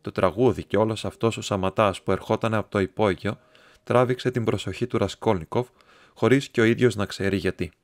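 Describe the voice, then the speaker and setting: A man narrating an audiobook in a steady, measured storytelling manner. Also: lowish voice. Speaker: audiobook reader. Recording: soft instrumental music underneath.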